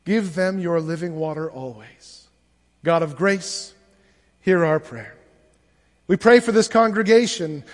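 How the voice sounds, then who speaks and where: A male pastor with a high voice leads liturgical prayers from the pulpit microphone of a church sanctuary. He reads in a measured, solemn manner, and the room adds a long reverb.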